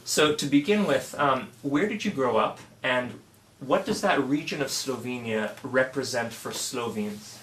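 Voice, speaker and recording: A man's voice: medium pitch, a little slow, few pauses, a bit bright. A man hosting an interview, reading a polite, prepared introduction and then asking questions. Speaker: interviewer host.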